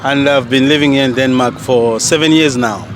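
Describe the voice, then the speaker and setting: A man's voice: medium pitch, fairly even intonation, moderate pace, music in the background. A man from Zambia giving an earnest street interview outdoors in a park, into a handheld mic. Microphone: handheld mic held by interviewer.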